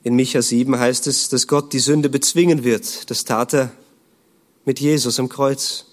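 A man preaching a sermon in an earnest tone, asking rhetorical questions and often dropping to a low, hushed voice. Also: fairly even intonation, moderate pace.

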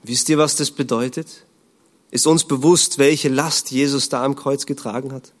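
An earnest male preacher delivering a sermon at a mid pitch. He poses rhetorical questions to his listeners and sinks into a low, hushed voice on heavy lines. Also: steady tone, moderate pace.

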